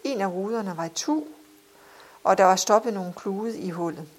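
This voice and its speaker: A woman narrating an audiobook in a measured, expressive reading style. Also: mid-range voice.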